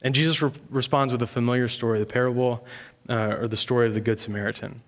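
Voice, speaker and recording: Young pastor telling a story, laughing. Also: male voice, mid-range voice, fairly even intonation, fast talker. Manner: casual, storytelling, laughs at himself. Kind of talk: sermon with personal story. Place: church.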